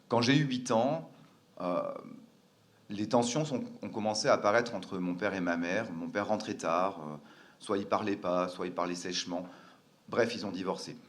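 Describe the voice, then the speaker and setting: Low-voiced hesitant male storyteller. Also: moderate pace. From France. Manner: hesitant, frequent fillers and restarts, earnest. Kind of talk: personal storytelling.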